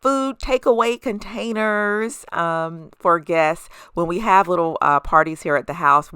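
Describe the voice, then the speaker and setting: A woman's voice: on the low side, pushed and bright, clear, resonant tone, dry recording, studio quality. A woman hosting a casual home vlog, chatting to viewers with a lisp and whistly s sounds from braces. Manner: chatty, addresses viewers as guys. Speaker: host of a home and lifestyle vlog.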